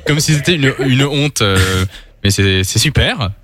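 A man's voice: mid-range voice, expressive, measured pace, fairly bright tone, dry recording. A man hosting a morning radio show, joking and laughing often, with frequent hesitations. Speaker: radio host.

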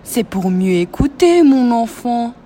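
A hungry, scheming wolf from a storybook, voiced by a woman reading aloud, loud and a little higher than her own voice. His words come slow and drawn out, with a faint hiss of noise in the background. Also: big pitch swings. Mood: menacing.

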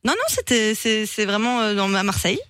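A woman's voice: mid-range voice, lively intonation, a little fast, a bit bright, clean tone, no echo. A woman with a Belgian accent co-hosting a radio show, bantering and playfully protesting. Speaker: radio co-host.

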